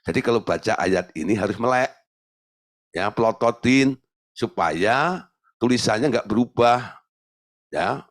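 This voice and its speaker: A man's voice: fairly low pitch, expressive, unhurried, pauses often. A male pastor preaching in a colloquial, teasing way, full of rhetorical questions to his congregation. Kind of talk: sermon.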